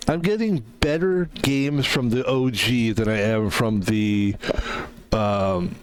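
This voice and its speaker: A man in his fifties chats casually on a gaming stream, rambling and cutting himself off. His voice is fairly low, slow, and smooth, though the recording quality is low.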